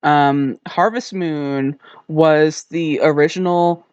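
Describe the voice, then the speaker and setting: A man's voice: a little high, fairly even intonation, takes it slowly, darkish tone, smooth, dry recording. A man co-hosting a casual podcast from home over voice chat, explaining things at length with filler words. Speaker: podcast co-host. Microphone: desk mic over voice chat. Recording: dull, dry voice-chat audio.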